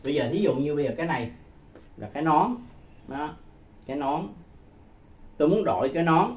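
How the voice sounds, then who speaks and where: A man giving a casual spoken language lesson, repeating phrases slowly and patiently and chuckling often. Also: a little high, animated, darkish tone. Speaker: English teacher.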